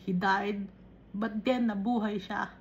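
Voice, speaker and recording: A woman leads a Bible study at an unhurried, deliberate pace, pausing to check that her listeners follow. Her voice sits in a middle register. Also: medium pitch, fairly even intonation, highs cut off. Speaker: Bible teacher. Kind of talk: Taglish Bible study teaching.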